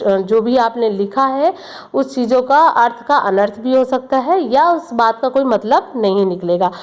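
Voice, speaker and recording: A woman's voice: mid-range voice, a little mellow. A woman teaching a grammar lesson to children, explaining step by step, repeating examples and checking in often.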